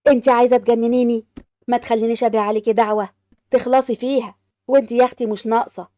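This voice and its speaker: A woman's voice: a little high, level tone, racing, warm tone, no echo, studio quality, natural voice. A woman with an Egyptian accent voicing a bossy, scolding old mother-in-law who grumbles and accuses. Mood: furious. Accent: Egyptian Arabic.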